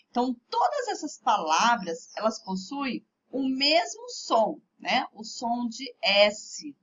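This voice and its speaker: Slow, lively Brazilian woman teacher. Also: fairly high pitch, dull audio, a little hiss or hum. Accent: Brazilian Portuguese. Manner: slow, clearly articulated, spelling out words for children. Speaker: primary school teacher. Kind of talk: remote class lesson.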